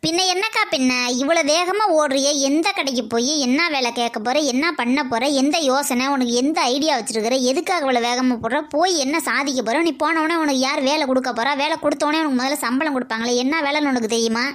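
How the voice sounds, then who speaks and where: A woman voicing a sharp-tongued, teasing cartoon woman who mocks her older sister. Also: sits high, quick pace, hardly any pauses, lightly acted. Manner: mocking, lively. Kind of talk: cartoon comedy acting.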